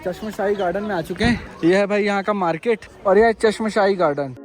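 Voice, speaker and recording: A man with a high voice chats his way through a travel vlog, calling the viewers brother as he walks through parks and streets. He is recorded outdoors on a handheld phone. Clear background music plays under his voice. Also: fast. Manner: chatty, often says "bhai" to viewers. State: slightly tired from climbing. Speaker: travel vlogger. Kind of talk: casual travel vlog narration.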